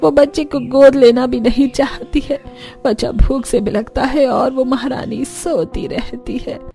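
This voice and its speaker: An elderly grandmother, anxious and tender, speaks in a plaintive, sighing voice, as a woman puts her on for a cartoon story. The voice still sits fairly high, with faint music playing beneath it. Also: steady tone, a little slow, creaky, warm tone. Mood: sorrowful. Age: older.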